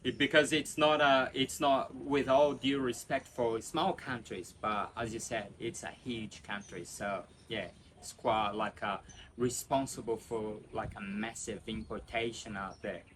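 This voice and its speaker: This is a casual interview with a Brazilian guest whose native tongue is Portuguese and who speaks accented English in a chatty, off-the-cuff way, often using fillers and starting over. His mid-range voice is fairly bright and keeps a steady tone at an unhurried pace. Some light background noise can be heard.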